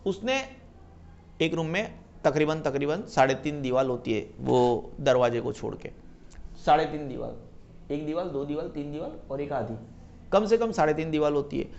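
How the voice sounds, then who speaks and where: A man's voice: fairly high pitch, expressive, normal speed, creaky, darkish tone, dull audio. A male economics teacher giving a classroom lecture, mixing Hindi and English, often asking students if they have any doubt and singing a catchy mnemonic line.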